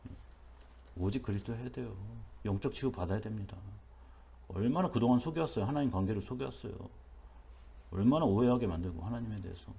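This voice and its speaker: A man's voice: fairly low pitch, animated, fast talker, creaky, warm tone. A man preaching a dawn worship sermon as pastor in a church, talking in an emphatic, repetitive, conversational way.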